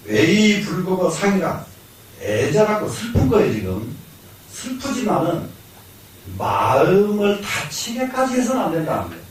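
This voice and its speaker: An older Buddhist monk with a Jeolla Korean accent gives a classroom-style lecture in a slightly high male voice, with a bit of hiss or hum on the track. He repeats key lines, poses questions and answers them himself, and chuckles now and then. The mic picks him up from far off in an echoey hall.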